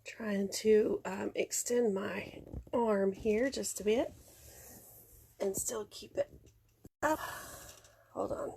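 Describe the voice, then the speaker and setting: Slow, chatty congested woman. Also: medium pitch, creaky, darkish tone, slight background noise. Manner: chatty, unhurried, talks through each step. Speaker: card-making demonstrator. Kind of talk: casual craft tutorial.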